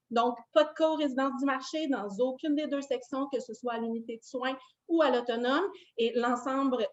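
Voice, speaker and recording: A woman giving an upbeat, reassuring announcement to residents as manager. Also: fairly high pitch. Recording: dull lo-fi video sound.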